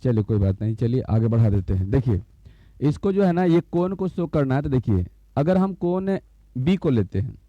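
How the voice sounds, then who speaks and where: A man's voice: medium pitch, sing-song, normal speed, dry recording. A man teaching a school maths lesson. He repeats each term and keeps asking the class whether they have understood. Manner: repeats terms and checks understanding with questions. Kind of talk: slow blackboard lesson explanation. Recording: dull, lo-fi recording.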